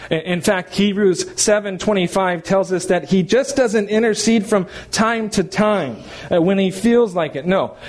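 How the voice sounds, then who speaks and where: Middle-aged male pastor, sermon delivery, emphatic and animated, voice a little high. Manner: animated, emphatic preaching with rhetorical questions.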